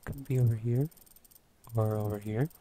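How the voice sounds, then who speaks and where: Very low-voiced woman narrating her gameplay. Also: steady tone, moderate pace, dark tone. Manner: laughing, narrating her own play. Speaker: gamer. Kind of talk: casual gaming chat.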